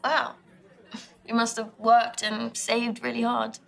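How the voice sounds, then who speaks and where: A blunt, ambitious young woman on a speed date. Her voice is fairly high with a gravelly edge, and she talks in a direct, brisk way. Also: monotone, a bit bright, full character voice. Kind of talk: live-action game acting.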